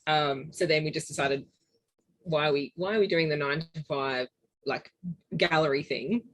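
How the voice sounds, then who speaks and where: Bubbly, laughing Australian woman, husky voice. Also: low voice, normal speed, no room sound, poor audio. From Newcastle, New South Wales. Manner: bubbly, laughs often, frequent fillers. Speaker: podcast guest, travelling photographer's partner. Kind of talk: casual interview chat.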